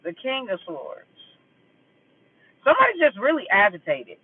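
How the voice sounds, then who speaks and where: A man with a high voice rants bluntly in a casual vlog, swearing freely as he vents and then reads tarot cards. The sound is thin and tinny, like audio heard through a phone line. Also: huge pitch swings, moderate pace, breathy edge. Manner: blunt, profane and emphatic, venting about a grudge. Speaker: vlogger doing a tarot reading.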